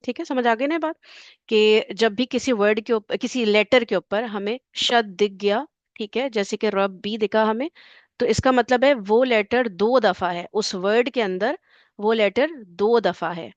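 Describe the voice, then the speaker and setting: A woman's voice: on the high side, no echo. Patient woman teacher, dull dry recording. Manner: patient, checks understanding often. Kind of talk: online class recap.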